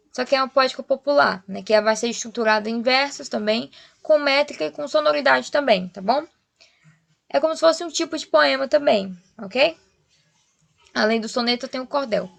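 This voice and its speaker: Woman teacher, young adult, a touch higher than usual with vocal fry, patient explanatory delivery. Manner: explanatory, checks in often with rhetorical questions. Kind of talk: online class lesson.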